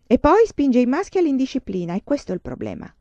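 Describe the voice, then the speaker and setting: A woman voicing a spiteful, angry young schoolteacher in a shrill, indignant tone. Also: huge pitch swings, a little fast, warm tone, dry recording. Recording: dull, dry lo-fi audiobook recording.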